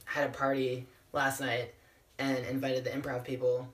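A woman's voice: a bass voice, flat delivery, normal speed, far from the mic. A woman in her twenties chatting casually as a podcast guest, talkative, blunt and self-deprecating, recorded in an echoing bathroom. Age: 20s. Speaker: interview guest. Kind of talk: casual, joking podcast chat.

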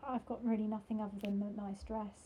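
A woman's voice: mid-range voice, level tone, fast, mellow, a little hiss or hum, poor audio. A woman guesting on a podcast, chatting in a gushing, giggly way. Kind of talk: casual chat.

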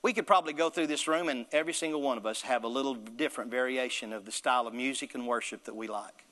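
A man's voice: medium pitch, fast talker, a bit bright, in a large hall. A male pastor delivering an emphatic sermon with call-and-response to the congregation.

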